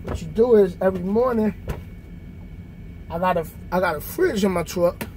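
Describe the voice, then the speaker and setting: A high-pitched male voice, carrying a little hiss or hum, belongs to a truck driver in his thirties casually addressing viewers from his sleeper cab. He talks slowly and calmly while showing a bunk workout, filmed on a phone camera standing nearby.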